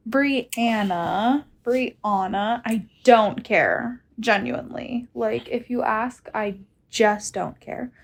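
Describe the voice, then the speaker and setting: Brief: woman in her thirties, slightly high pitch, slow and laid-back, casual co-host. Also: creaky. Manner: casual, filler-heavy talk. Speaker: podcast co-host, makeup entrepreneur. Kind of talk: casual podcast chat.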